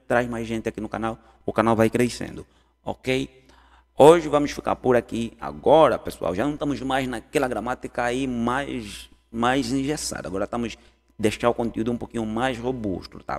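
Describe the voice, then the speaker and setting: A man runs a relaxed English lesson, spelling out example sentences word by word and asking his viewers questions. His voice sits in a middle register. It trails off into a long room reverb. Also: mid-range voice. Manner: repeats example sentences slowly, asks learners questions. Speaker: English teacher. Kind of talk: casual online language lesson.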